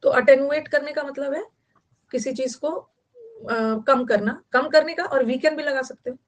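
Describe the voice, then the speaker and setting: Brief: woman teacher, fairly high voice, chatty online lecture, repeats words for note-taking. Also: unhurried. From Bihar, India. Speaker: vocabulary teacher.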